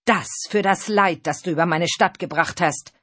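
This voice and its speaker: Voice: medium pitch, moderate pace, breathy edge, dry recording. Vengeful young soldier in an audiobook, read by the narrator, bitter and hard. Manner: shouting, bitter. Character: vengeful young male soldier, grim and fierce. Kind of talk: audiobook reading.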